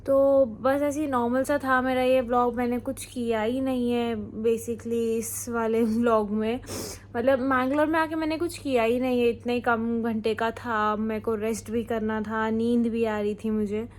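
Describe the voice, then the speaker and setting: A woman's voice: on the high side, steady tone, unhurried, few pauses, darkish tone. A young woman on flight crew, chatting casually to her phone camera in a hotel room, mixing English words into her Hindi. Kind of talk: casual vlog chat to camera.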